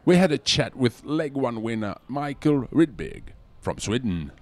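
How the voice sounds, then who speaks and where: French-accented male presenter, measured dramatic news read. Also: mid-range voice, very animated, no room sound. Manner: measured, dramatic voice-over delivery. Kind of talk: scripted sports news narration.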